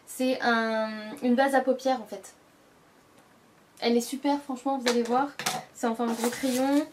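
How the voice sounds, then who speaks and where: A woman's voice: on the high side, steady tone, normal speed, noisy background. A young woman, chatting casually as a beauty vlogger, with many fillers and self-corrections. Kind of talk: casual product show-and-tell.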